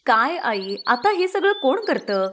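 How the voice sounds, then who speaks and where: A woman's voice: a little high, moderate pace, noisy background, lightly acted. A woman voicing a spoiled, rude young city daughter-in-law who scolds and complains sharply. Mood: angry.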